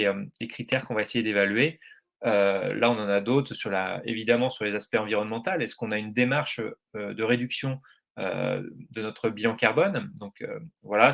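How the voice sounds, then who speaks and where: A man's voice: lowish voice, vocal fry, a bit bright. A French man giving a presentation at a meetup, speaking hesitantly with many fillers and restarts. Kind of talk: presentation talk.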